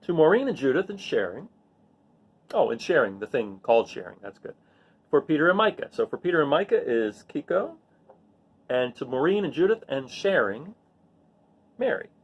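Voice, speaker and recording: His fairly high voice is slightly rough, and though he reads at normal speed, he leaves long pauses. Hosting a read-aloud for kids, he dramatizes the sound words and drops in simple casual chat for his listeners.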